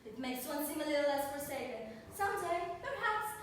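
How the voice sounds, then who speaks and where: A woman's voice: high voice, animated, fairly quick. A woman playing a witty, haughty young society coquette in a classical verse comedy, declaiming with barbed, mocking courtesy. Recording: very echoey hall from far off, faint noise.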